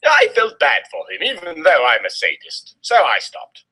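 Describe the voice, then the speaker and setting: A man's voice: fairly high pitch, huge pitch swings, moderate pace, breathy edge. A man giving a theatrical, exaggerated dramatic reading of fan fiction. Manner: theatrical, exaggerated delivery with shouting.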